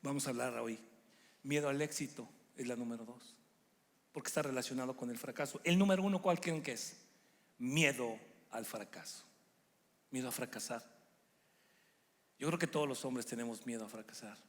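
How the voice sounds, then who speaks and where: A middle-aged man preaching a sermon as a guest speaker, lively and acting out the people he quotes. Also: medium pitch, moderate pace, long pauses. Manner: animated, acts out quoted people in put-on voices. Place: church hall stage. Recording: long hall reverb.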